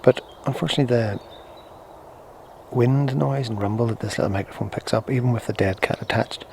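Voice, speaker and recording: Speaking fairly quickly with vocal fry and a darkish tone, a man reviews gear in a casual, hesitant product demo, thinking aloud as he goes. His small on-camera shotgun mic runs through a recorder into the camera, giving a noisy sound with low rumble.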